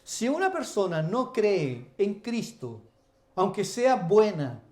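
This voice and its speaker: A man's voice: high voice, sing-song, slow pace, a little mellow. A man, a pastor preaching a sermon with emphatic, repeated lists of phrases.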